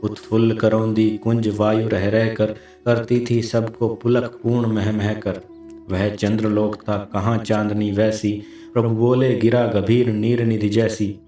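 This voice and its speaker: A man reciting classical verse with a solemn, measured delivery. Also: on the low side, flat delivery, warm tone, roomy sound, faint music behind. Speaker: poetry reciter.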